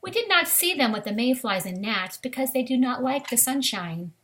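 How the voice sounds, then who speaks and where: Her voice is high and fairly bright, animated, at a moderate pace, as she reads a children's science book aloud. She teaches her young listeners directly and slips in brief asides of her own.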